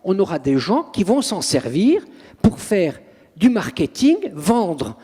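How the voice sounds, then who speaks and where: A priest and exorcist in an interview, telling stories in an animated, dramatic way with acted quotes. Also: male voice, high-pitched, measured pace, breathy edge. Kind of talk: interview storytelling. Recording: long reverb, echoey room.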